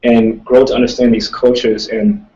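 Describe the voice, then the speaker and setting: A young adult male student with a medium-pitched, mellow, level voice speaks at normal speed, recorded from a distance with dull audio. Answering audience questions in casual talk, he's thoughtful and rambling, restarting often.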